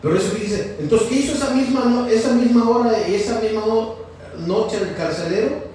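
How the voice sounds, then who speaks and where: A man's voice: high voice, fairly quick, dark tone, slight background noise. A man preaching a sermon to a congregation, constantly asking them questions and repeating "fíjese". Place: church hall. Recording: very echoey, from far off.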